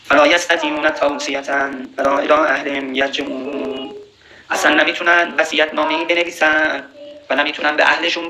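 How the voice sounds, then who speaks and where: A man giving a sermon on Quranic verses, slowly reciting Arabic verses and then explaining them in a conversational way. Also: on the high side, gravelly, bright, forceful tone, echoey room, low-quality recording. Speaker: preacher.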